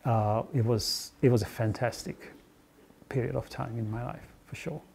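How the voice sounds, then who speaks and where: A middle-aged Hungarian man, an Olympic organizing expert, gives a relaxed interview in an office, earnest and upbeat with small restarts. His medium-pitched voice is steady, moderately paced, a little mellow, with vocal fry. The lapel mic picks up a little hiss or hum.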